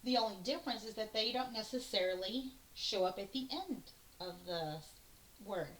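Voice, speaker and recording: A woman teacher giving a phonics lesson to young children, slowly and patiently sounding out words letter by letter. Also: medium pitch. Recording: echoey room with faint hiss.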